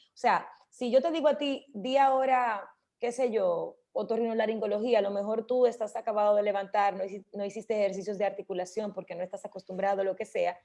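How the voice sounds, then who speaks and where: A woman's voice: mid-range voice, dark tone. Woman explaining speech habits. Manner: explanatory, slows down to demonstrate words. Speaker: radio host. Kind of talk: casual radio talk about speech.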